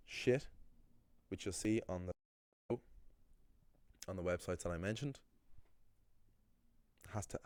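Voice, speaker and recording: A young man with a very low, deep voice explains pronunciation bluntly. He starts sentences over often and sounds opinionated. The recording is dry and close, with no room sound. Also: darkish tone, dry recording. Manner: blunt and opinionated, full of restarts. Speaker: language teacher. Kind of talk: casual explanatory monologue.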